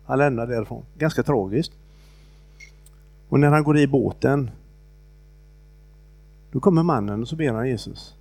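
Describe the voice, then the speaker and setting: A man giving an informal sermon, retelling a Bible story in a conversational, halting way with fillers and restarts. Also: medium pitch, vocal fry, a little mellow, no echo. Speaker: preacher.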